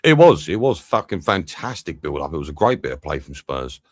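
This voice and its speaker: A man's voice: a bass voice, big pitch swings, fairly quick, dry recording. A young man doing a live match watch-along, swearing freely and bantering with his chat between bits of play commentary.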